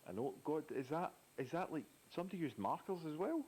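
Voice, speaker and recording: A man co-hosting a live drawing stream, chatting casually with excitable, jokey banter. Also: a little high, fast. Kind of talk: casual chat.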